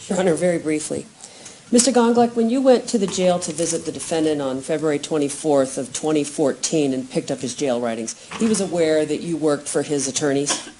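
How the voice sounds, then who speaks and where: A woman prosecutor cross-examining a witness in measured, formal questions, heard on a courtroom recording. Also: sits low, mellow, slight background noise, rough recording. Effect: courtroom audio recording.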